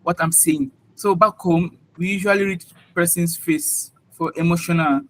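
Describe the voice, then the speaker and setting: Nigerian man, light and lively, hesitant. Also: on the high side, moderate pace, poor audio. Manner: hesitant, searching for words. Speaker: interviewee. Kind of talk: casual interview answers.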